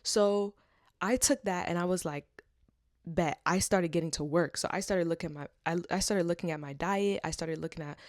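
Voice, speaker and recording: A woman's voice: fairly low pitch, moderate pace, no echo, clean studio sound. A woman in her twenties making a vlog. She reads a script, then rambles chattily with many fillers and tag questions. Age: 20s. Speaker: vlogger. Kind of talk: scripted narration, then casual personal chat.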